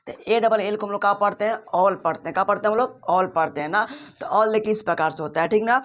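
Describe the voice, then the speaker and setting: A man's voice: high-pitched, a bit bright. A man teaching English pronunciation in an online lesson. He keeps asking his own questions and then answering them, and often checks with "theek na". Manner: ends phrases with a checking "theek na".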